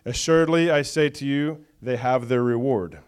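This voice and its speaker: A man's voice: medium pitch, moderate pace, darkish tone, clean tone. A man preaching a sermon to a church, reading scripture with call-and-response and chatty asides. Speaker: pastor.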